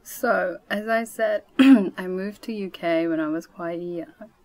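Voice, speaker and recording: A Nepali woman in her twenties chats casually as a podcast guest, using lots of fillers and laughing often. Her voice is on the low side and a little mellow, she takes it slowly, and there's no room sound.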